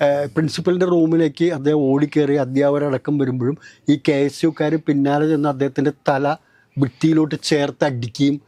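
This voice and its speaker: Measured explaining man, dry close sound. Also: fairly high pitch, fairly even intonation, dark tone, dry recording. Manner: measured and explanatory, with long recounting turns. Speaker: host of political discussion. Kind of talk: political analysis talk.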